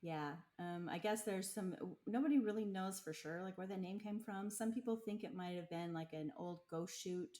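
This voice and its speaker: A woman's voice: medium pitch, moderate pace, few pauses, dark tone. A woman from Utah chatting casually and explaining local words, with lots of fillers and frequent laughs. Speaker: local guest explaining slang. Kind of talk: casual chat.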